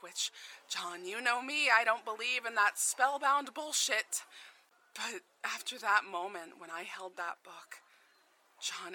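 A woman playing a guilt-ridden mother haunted by voices in an audio drama, speaking haltingly and with strain. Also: mid-range voice, bright, forceful tone, slight background noise, poor audio. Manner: halting, emotionally fraught.

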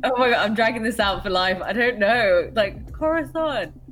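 A woman's voice: a little high, expressive, normal speed, fairly bright tone. A woman, a guest on a podcast, chatting casually and rambling with a giggle when unsure. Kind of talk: casual chat.

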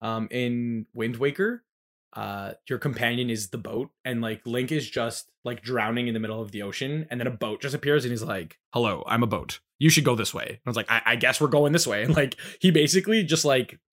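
A man's voice: mid-range voice, fairly quick. A man co-hosting a casual podcast, chatting about video games and acting out characters' lines. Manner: animated, acts out game characters' lines with laughs. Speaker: podcast co-host.

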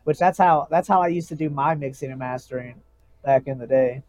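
A man's voice: mid-range voice, brisk, a little mellow, slight background noise. A man in a casual chat, talking like a frat bro with loose slang and frequent swearing. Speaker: rapper, guest.

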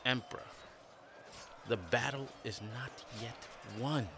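A man voicing a cautious royal advisor who calmly warns his emperor. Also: mid-range voice, slow, a little hiss or hum. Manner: calm warning.

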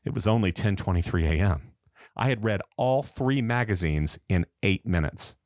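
Low-voiced American man reading a horror story. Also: animated, normal speed, a little mellow, dry recording, clean studio sound. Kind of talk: casual podcast chat and story reading aloud.

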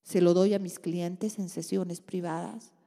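A woman's voice: fairly low pitch, steady tone, unhurried, mellow, big-room sound. A woman, reading out and answering listeners' letters in a tender advice monologue, full of soothing endearments. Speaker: relationship advice host.

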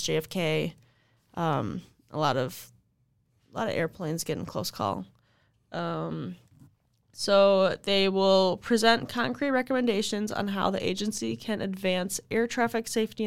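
Gravelly-voiced young woman co-host. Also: mid-range voice, normal speed, no room sound. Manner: chatty, reads news items aloud. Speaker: podcast co-host. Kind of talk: casual podcast chat.

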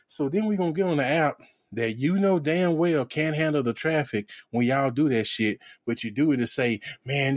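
A man's voice: medium pitch, dry recording, studio quality. A man co-hosting a casual sneaker podcast, ranting with lots of profanity and mocking impressions. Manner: animated, profane, mocks others in exaggerated voices. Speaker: podcast co-host.

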